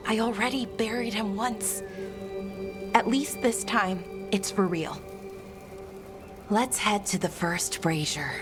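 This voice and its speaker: In video game dialogue, a woman plays a grieving young elf, earnest and scholarly, who rambles hesitantly and corrects herself, sounding wistful and uncertain. Her natural, medium-pitched voice moves slowly with long pauses, and game music plays clearly behind it.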